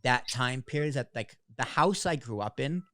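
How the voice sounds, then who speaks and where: A man's voice: medium pitch, lively intonation, normal speed, sharp tone, slight background noise. A young man from Massachusetts hosting a podcast interview, asking eager, enthusiastic questions. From Massachusetts, USA. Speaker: podcast host. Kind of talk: casual interview.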